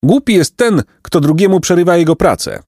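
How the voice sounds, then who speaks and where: A sharp-tongued storybook woodpecker with a raised, bouncing voice fires off quick, mocking comebacks, performed by a male narrator. The recording is close and dry. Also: high-pitched, expressive, no echo, voice pushed up.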